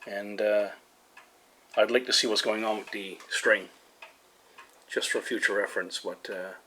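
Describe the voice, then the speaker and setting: A hobbyist presenting a radio repair video mutters tentative, casual commentary as he works on something by hand. His voice is fairly low, steady, measured in pace, and bright with a forceful tone. Background ticking and clicks mark the noisy home recording.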